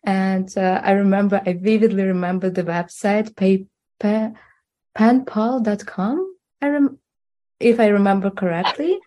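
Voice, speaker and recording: A woman from Russia answering interview questions casually, with pauses and fillers. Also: mid-range voice, dark tone. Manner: hesitant, many fillers and restarts. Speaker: interview guest.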